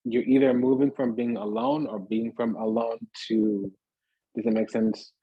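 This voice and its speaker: Low, husky man giving a tarot reading. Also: steady tone, unhurried, no echo, phone-quality sound. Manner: rambling, repeats phrases in lists, asks "does that make sense?". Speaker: tarot reader. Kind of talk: casual spoken tarot reading.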